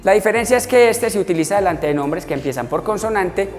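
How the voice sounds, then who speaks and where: A man teaching a language class, explaining grammar patiently and repeating examples slowly. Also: sits high, expressive. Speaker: English teacher. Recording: long reverb, faint music. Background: faint background music.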